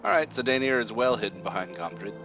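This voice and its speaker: A man's voice: on the low side, expressive, brisk, muffled recording. A man narrating a tabletop fantasy game casually as game master, describing scenes and checking in with players. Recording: music behind the voice.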